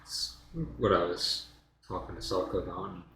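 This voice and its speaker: A man player with a very deep, bright, forceful voice, playful and animated. He is recorded in an echoey room with faint noise. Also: normal speed. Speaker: tabletop game player.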